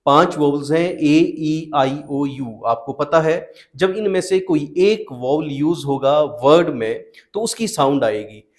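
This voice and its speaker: Slow, patient male teacher. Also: fairly high pitch. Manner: slow, patient, asks questions then answers them. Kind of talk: explaining spelling rules to students.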